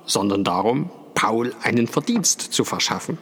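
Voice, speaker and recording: A man voicing a calm, reasonable father in a storybook reading. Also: medium pitch, moderate pace, breathy edge, heavily acted. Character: calm father, forced cheerfulness. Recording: long hall reverb.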